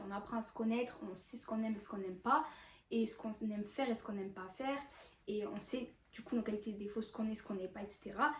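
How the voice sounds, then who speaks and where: A woman's voice: mid-range voice, a little mellow. A young woman vlogging casually about self-improvement, hesitant with many fillers and restarts. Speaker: YouTuber. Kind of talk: casual self-help vlog talk. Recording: echoey room, mic at a distance, faint background hiss.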